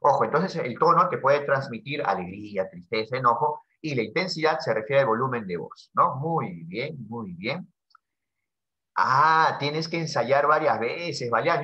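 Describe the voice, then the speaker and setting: A Peruvian man in teacher mode, chatty and joking, constantly tacking on little questions as he explains. His voice is bright and forward, and the audio is dull and lo-fi. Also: medium pitch. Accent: Peruvian Spanish. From Peru. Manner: chatty, jokey, peppers lines with tag questions. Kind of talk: casual classroom lesson dialogue.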